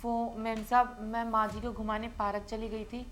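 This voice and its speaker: A woman's voice: fairly high pitch, level tone, normal speed, close to an everyday voice. A woman playing a polite, caring housemaid. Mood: gentle. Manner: polite, soft, respectful. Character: gentle, caring housemaid, polite and soft-spoken. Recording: background music under voice.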